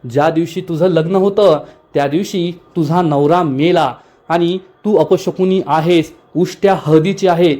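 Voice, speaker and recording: A furious, scornful woman boss, as a man reads her lines aloud. Her voice sits high and she scolds and taunts without letting up. The tone stays plain and spoken, like a storyteller recounting a TV serial. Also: unhurried, warm tone, natural voice. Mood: angry scolding.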